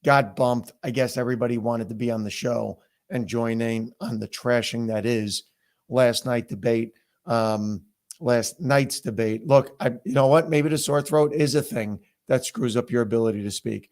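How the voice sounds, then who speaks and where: Male commentator, hoarse from a sore throat, mid-pitched, blunt and emphatic solo delivery. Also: normal speed, darkish tone. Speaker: political commentator. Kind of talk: opinionated monologue to viewers.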